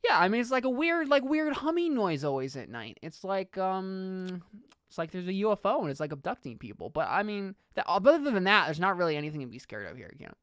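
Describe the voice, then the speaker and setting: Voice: medium pitch, big pitch swings, a little fast, fairly bright tone, no room sound, clean studio sound, pitched above the performer's own voice. A player voicing a friendly, rambling boy at summer camp who chews bubble gum. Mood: conspiratorial. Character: chatty gum-chewing boy camper.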